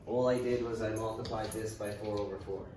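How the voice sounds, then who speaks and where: A man's voice: lowish voice, fairly even intonation, fairly quick, a little mellow, recorded from a distance. Casual male math teacher in an echoey room. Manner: casual, thinks aloud while writing, dry sarcasm. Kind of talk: classroom lecture. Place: classroom. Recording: echoey classroom from afar, hiss.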